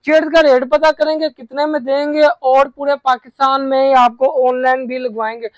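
A young man from Pakistan hosting a market tour vlog with a brisk, upbeat presenter manner, recorded outdoors in a warehouse yard on a lapel mic. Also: very high voice, level tone, dry recording. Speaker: vlogger host. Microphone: clip-on lapel mic.

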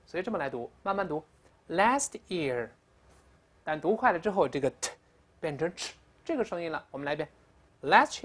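An English teacher giving a recorded lecture, explaining step by step, asking the class questions and repeating words slowly for drilling. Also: mid-range voice. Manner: asks questions of the class in a sharply raised voice. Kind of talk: recorded grammar and pronunciation lecture.

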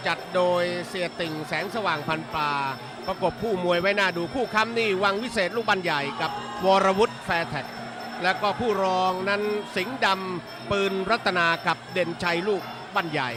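A high-pitched man gives excited boxing commentary and announces Muay Thai bouts. Loud music plays behind his live call. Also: moderate pace.

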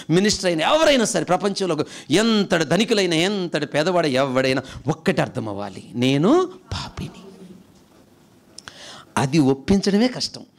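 A male pastor preaching a sermon, asking his congregation questions and answering them himself, with sudden emphatic bursts and hushed drops, mixing in English words. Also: on the high side, vocal fry. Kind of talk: Telugu sermon.

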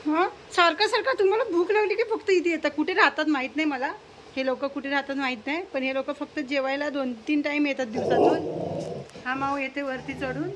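A woman's voice: sits high, steady tone, fairly quick, noisy background. A woman, talking in affectionate, sing-song baby talk as she feeds her pets and strays, coaxing them and scolding them fondly. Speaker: vlogger feeding pets and strays.

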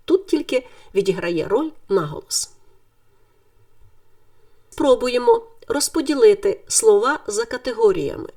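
A woman teaching a Ukrainian grammar lesson in clear, deliberate scripted speech, stressing the word endings. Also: medium pitch, a little mellow, recorded from a distance.

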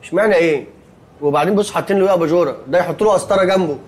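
A man's voice: high-pitched, a little mellow, natural voice. An actor playing a nervous, easily spooked young man who complains fussily, speaking Egyptian Arabic. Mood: anxious. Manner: fast, anxious, fussy complaining. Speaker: Saif, comic film character. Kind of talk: Egyptian comedy film acting.

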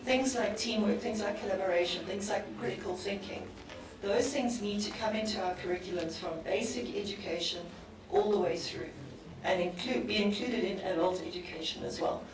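A woman with a South African English accent speaking directly and briskly on a conference panel. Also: mid-range voice, very animated. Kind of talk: panel discussion. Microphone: handheld mic. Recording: very echoey hall, distant, background noise.

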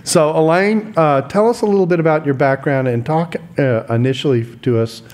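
An older man hosting a podcast interview in a studio, relaxed, with hesitant fillers. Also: fairly high pitch, normal speed. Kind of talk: interview conversation. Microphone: studio mic on boom arm.

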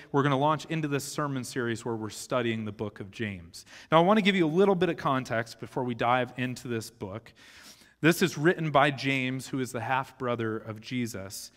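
A man's voice: mid-range voice, fairly bright tone. A man in his thirties, a pastor, giving a conversational teaching sermon on a church stage with a live audience. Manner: conversational teaching with occasional restarts, gesturing on stage. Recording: long hall reverb of a church sanctuary.

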